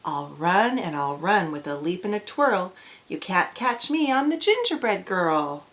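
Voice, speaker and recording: A woman's voice: on the low side, animated, a little slow. A clever, boastful little gingerbread girl from a storybook, played by a woman reading aloud. She chants her rhyming taunts in a sing-song way, full of cheek and confidence.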